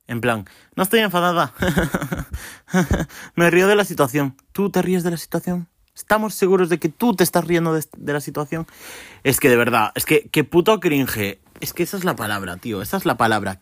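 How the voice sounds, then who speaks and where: A man's voice: mid-range voice, dry recording, clean studio sound. A man hosting a podcast, delivering a sarcastic, swearing comic rant. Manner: sarcastic, ranting, swears often. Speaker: podcast host. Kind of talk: casual comic monologue.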